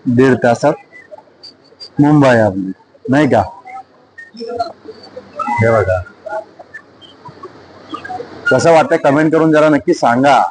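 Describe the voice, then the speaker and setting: A vlogger films on his phone in a busy airport terminal, talking casually to the camera and chatting to viewers as brothers and friends. His mid-range voice is unhurried and pauses often, with background noise around him.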